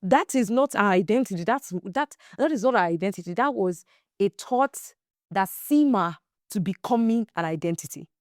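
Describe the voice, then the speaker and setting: A young adult woman hosting a faith-based podcast, telling stories in a casual, animated way and acting out the quotes. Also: medium pitch, moderate pace, no echo, clean studio sound. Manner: animated storyteller, acts out quotes, emphatic repeats. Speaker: podcast host.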